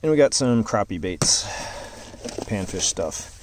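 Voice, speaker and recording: A man giving a relaxed, rambling walkthrough tour of his boat outdoors, talking with many fillers into a handheld camera. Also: fairly low pitch, a little slow, noisy background. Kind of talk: casual walkthrough vlog.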